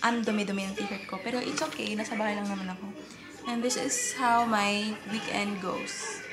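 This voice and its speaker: A young woman from the Philippines, a mother, chatting casually and teasing herself as she films her weekend at home. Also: medium pitch. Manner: chatty, mixes Tagalog and English, self-teasing. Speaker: vlogger, mother. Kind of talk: casual home vlog chat. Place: home kitchen and rooms.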